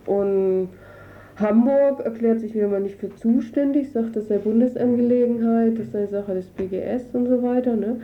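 Speaking at a normal speed in a somewhat high voice, a woman representing a refugee council explains things unscripted in an interview. Her talk is colloquial and hesitant, with pauses to find words, and the radio audio is noisy, dull and lo-fi.

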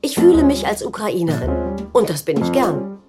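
A woman's voice: medium pitch, sing-song, normal speed. Earnest woman's voice-over over guitar. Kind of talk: scripted testimony voice-over. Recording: voice-over over music. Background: guitar music.

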